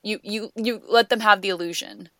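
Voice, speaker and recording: A woman's voice: mid-range voice, moderate pace, a bit bright, dry recording. Rambling woman podcast co-host. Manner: rambling, filler-heavy, swears casually. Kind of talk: casual chat.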